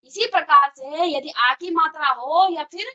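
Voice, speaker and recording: High bright lady teacher walking thru grammar rules, asks then answers herself, kinda dull lo-fi sound. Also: a little slow. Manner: explains step by step, often asks and answers her own questions. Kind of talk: classroom grammar lesson. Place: virtual classroom studio.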